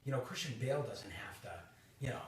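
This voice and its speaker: A Boston man in his thirties with a Boston accent hosts a casual, animated chat full of laughter and restarts. His medium-pitched voice is expressive and quick. Heavy background noise surrounds him, and he's picked up from a distance in an echoey room.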